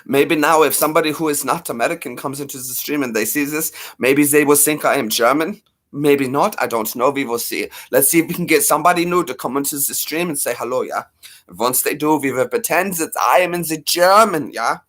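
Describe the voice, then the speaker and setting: A man's voice: a little high, brisk, a bit bright, pitched above the performer's own voice. A man putting on a stiff, formal fake German character with stilted, overly formal phrasing. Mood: mock formal.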